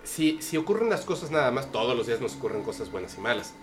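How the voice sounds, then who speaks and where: A man's voice: medium pitch, fast. Man telling stories, casual host. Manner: lively anecdotal storytelling with slang. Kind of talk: casual chat.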